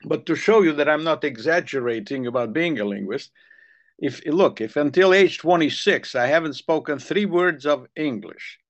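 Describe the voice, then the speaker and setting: An older man from the Ukrainian Soviet Republic, speaking with a Hungarian accent, tells long rambling stories in a casual chat and repeats words when he restarts. His voice is fairly high with lively intonation at a normal speed. The audio is dull.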